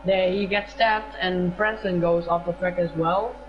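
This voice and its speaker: A frantic, excited commentator calling a live sim race, repeating phrases in the excitement. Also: medium pitch, a little slow, highs cut off, faint music behind. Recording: noisy track ambience behind voice.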